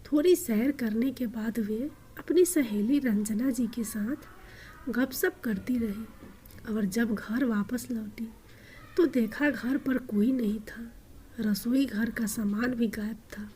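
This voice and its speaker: Woman storyteller, slow, mellow tone, slightly high voice, faint hiss behind. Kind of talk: scripted moral story narration.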